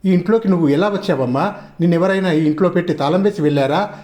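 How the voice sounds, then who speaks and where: A man voicing a calm, firm male police inspector who questions in a level, commanding way. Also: high voice, quick pace, lightly acted. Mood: coaxing. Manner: coaxing, then stern and commanding. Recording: roomy echo.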